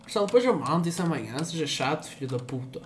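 A man's voice: a little high, expressive, fast talker, slight background noise. A young man with a European Portuguese accent, streaming a game in casual chat, swearing a lot, teasing and loose.

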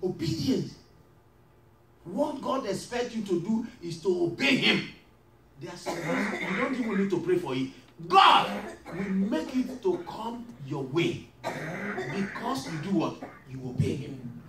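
A man with a high voice preaches a sermon in an echoey church hall, the mic a little far off. He calls out questions for the congregation to answer and builds to shouts. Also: very animated, a little slow, noisy background. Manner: call-and-response preaching, rising to shouts. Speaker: pastor.

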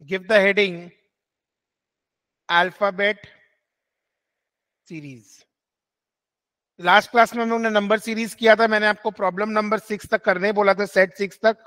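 Man teaching online, high bright voice, repeats rules for dictation, code-switching. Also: fairly even intonation, measured pace, pauses often. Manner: switches between Hindi and English mid-sentence. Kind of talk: online class lecture.

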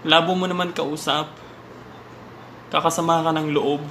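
A man's voice: fairly high pitch, little pitch movement, moderate pace, fairly bright tone, slight background noise. A Filipino man in his twenties delivering a casual comic rant in a room. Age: 20s.

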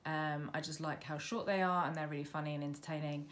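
A British female vlogger in her mid-twenties chats to camera in a casual Q&A, informal and self-deprecating, with a low register, fairly even intonation and fast delivery. She's in her bedroom by a window on a busy road, the camera on the sill about arm's length away, with noise and passing traffic audible.

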